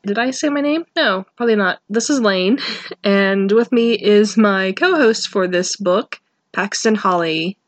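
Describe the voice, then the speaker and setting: A woman hosting a podcast in a chatty, relaxed way, recorded through a built-in laptop microphone with low-quality audio. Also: measured pace. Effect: low-quality laptop mic audio. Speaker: podcast host. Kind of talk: casual podcast chat.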